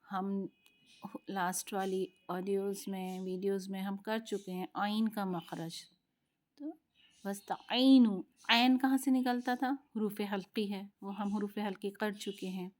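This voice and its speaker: A woman teaching tajweed, patiently explaining letter sounds and drawing them out in slow practice drills. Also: mid-range voice, fairly even intonation, a little mellow. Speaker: Quran recitation teacher. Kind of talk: tajweed lesson.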